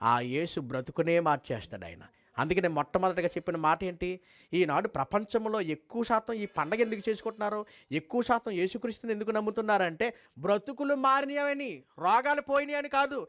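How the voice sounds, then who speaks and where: High-voiced fervent male preacher. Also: a bit bright. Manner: rhetorical questions to the audience, emphatic repetition; fervent, swings between high and low pitch. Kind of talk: sermon and closing prayer.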